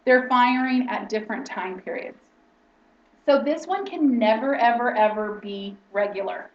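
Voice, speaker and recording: A woman's voice: fairly high pitch, a little mellow. Woman teacher explaining stuff in class, keeps asking okay?, dull lo-fi roomy recording. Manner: explanatory, checks in with frequent "okay?". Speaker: instructor. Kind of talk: lecture-style teaching. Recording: roomy, distant, dull lo-fi sound.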